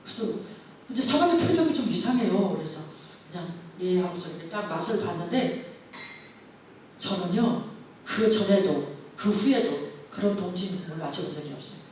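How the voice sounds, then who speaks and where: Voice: medium pitch, lively intonation, normal speed, slight background noise. A pastor preaching a sermon through a story, acting out the dialogue as it goes. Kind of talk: testimony sermon. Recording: very echoey church hall, mic far off.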